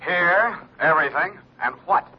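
An actor playing a wisecracking, world-weary private detective in a vintage radio drama, with wry, sardonic delivery. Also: male voice, high-pitched, animated, unhurried, breathy edge, heavily acted. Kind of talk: 1940s radio acting. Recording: tinny vintage radio broadcast.

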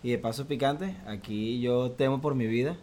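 A man's voice: mid-range voice, normal speed, a little mellow. A young Venezuelan man talking casually as a podcast guest, chatty and laughing while he eats spicy wings. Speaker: guest photographer. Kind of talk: casual interview chat.

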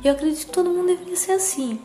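A woman with a cutesy, soft voice giving a reflective personal monologue in a gentle, hesitant manner, often adding little tag questions. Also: extremely high pitch, rapid-fire, soft background music. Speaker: psychologist.

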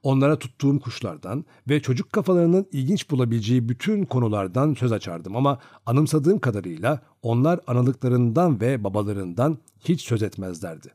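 A man's voice: mid-range voice, brisk, few pauses, no echo, clean studio sound. A man narrating a classic novel as an audiobook, reading expressively. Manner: expressive storytelling.

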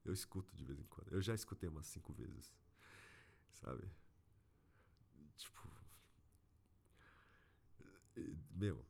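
A man's voice: low-pitched, lively intonation, a little slow, vocal fry, darkish tone, breathy edge. A man with a Brazilian Portuguese accent, venting in a casual, slangy monologue as an agency owner fed up with clients. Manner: frustrated, slangy, exasperated.

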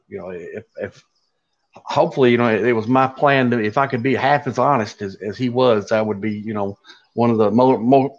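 A middle-aged man with an Appalachian Kentucky accent, telling a story casually in a folksy, halting, unhurried way. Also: mid-range voice. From Kentucky, USA. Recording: dull lo-fi audio.

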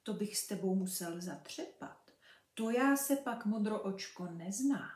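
A woman's voice: medium pitch, expressive, darkish tone, close to an everyday voice. A woman voicing a friendly, boastful male hunting dog who is eager to show off, in a children's storybook reading. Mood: coaxing. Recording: roomy, from a distance.

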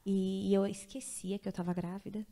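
Gravelly-voiced woman telling a story. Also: mid-range voice, moderate pace. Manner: animated storyteller, acting out quoted voices. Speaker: guest. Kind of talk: casual storytelling.

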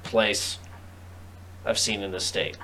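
A man's voice: fairly low pitch, flat delivery, slow pace, bright, forceful tone. A man hosting a casual podcast, joking around and chatting loosely with a friend. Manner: joking, playful, jumps into silly voices. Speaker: podcast host. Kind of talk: casual chat. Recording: noisy home recording.

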